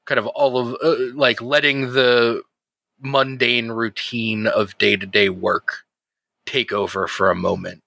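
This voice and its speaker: A man with a bright, forward voice at a medium pitch hosts and plays on a horror role-playing podcast. He is conversational and articulate, and the sound is dry and close. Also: fairly even intonation, unhurried, creaky, no room sound. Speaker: podcast host and player. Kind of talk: horror actual play podcast hosting and play.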